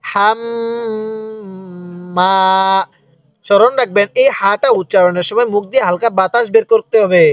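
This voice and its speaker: High-voiced male teacher spelling out syllables. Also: dry recording. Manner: spells out letters and syllables, then has the listener repeat after him; stretches recited words very slowly. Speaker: Quran reading teacher. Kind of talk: slow step-by-step recitation lesson. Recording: dry, dull lo-fi sound.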